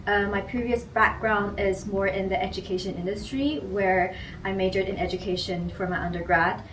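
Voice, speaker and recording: A woman in her twenties with a Taiwanese accent explains her background easily, with occasional fillers. Her voice sounds distant and roomy. Clear background noise sits under it. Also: mid-range voice, moderate pace, a bit bright. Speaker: interviewee, graduate student. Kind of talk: casual interview. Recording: echoey room, distant mic, noisy.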